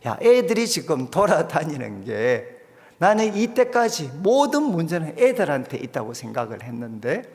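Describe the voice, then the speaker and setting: A middle-aged male pastor preaching in a church sanctuary, his slightly high voice rising and falling in lively swings. He tells a story, alternating loud emphasis with quiet asides. A long reverb trails after his words. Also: moderate pace. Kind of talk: sermon.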